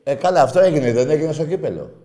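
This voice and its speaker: A man co-hosting a comedy show, arguing loudly and ranting at length in heated football banter. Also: a little high, expressive. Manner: loud, argumentative, rants at length. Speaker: co-host of a comedy radio show.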